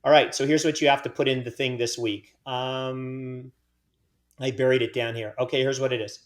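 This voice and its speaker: A man's voice: medium pitch, flat delivery, moderate pace. A man hosting a casual podcast, joking and teasing himself as he reads out giveaway winners and details. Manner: joking, self-mocking banter. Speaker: podcast host.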